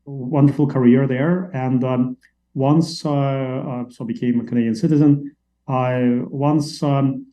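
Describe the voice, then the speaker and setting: A man from Latvia, a company CEO, answering interview questions at length with many fillers and pauses. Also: mid-range voice, steady tone, warm tone, low-quality recording. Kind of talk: interview conversation.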